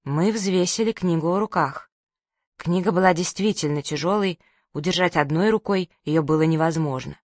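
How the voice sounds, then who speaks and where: A woman narrating an audiobook in a lively, expressive storytelling manner. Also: on the low side, moderate pace, no echo. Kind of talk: audiobook reading. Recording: dry close studio sound.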